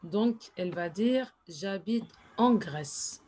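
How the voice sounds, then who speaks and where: Woman teaching real slow, says everything twice, mellow voice, faint keyboard noise behind. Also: mid-range voice, animated. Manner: patient, repeats each phrase slowly. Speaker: French teacher. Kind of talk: slow classroom explanation with English asides.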